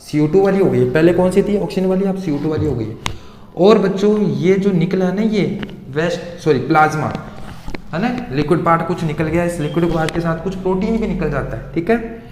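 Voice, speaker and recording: A man's voice: a little high, a little fast, a little mellow, a little hiss or hum. Male teacher in an echoey room. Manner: asks students questions and answers them himself, repeating key terms. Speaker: science teacher. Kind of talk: blackboard science lesson. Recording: echoey room with long reverb.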